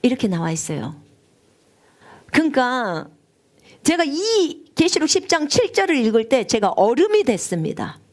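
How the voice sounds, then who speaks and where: A woman missionary preaching a sermon, telling her story with strong emotion, at times rising high and near tears. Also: sing-song, normal speed. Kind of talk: live-streamed sermon testimony.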